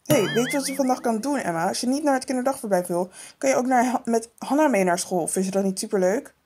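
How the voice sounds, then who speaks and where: A busy, caring mum in a toy-figure film, as a woman puts her on, talking in a chatty, hurried way with plenty of fillers. Her voice sits a little high for a woman. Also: darkish tone, breathy edge. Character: busy caring mother of two girls.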